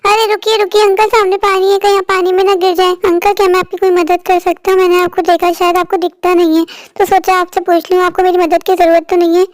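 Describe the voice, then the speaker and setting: A woman's voice: extremely high pitch, little pitch movement, quick pace, no echo, clean studio sound. A woman voicing a timid, devoted young boy in a cartoon, speaking earnestly and pleadingly. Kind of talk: cartoon voice acting.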